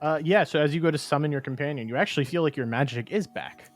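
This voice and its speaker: A man's voice: a little high, fast talker, soft background music. A man narrating as game master of a tabletop game, loose and rambling, often laughing.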